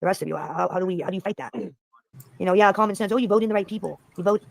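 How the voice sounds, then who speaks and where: Fast-talking profane American man ranting. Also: high-pitched, vocal fry, no room sound. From United States. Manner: rambling, profane, opinionated. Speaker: livestream host. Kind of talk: casual political rant on a livestream.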